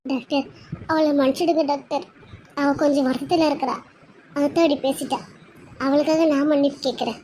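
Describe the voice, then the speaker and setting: A woman's voice: high voice, steady tone, fairly quick, pauses often, mellow, a little hiss or hum, close to an everyday voice, poor audio. A woman voicing an anxious, doting middle-aged mother in a cartoon serial, fussing over and consoling her daughter.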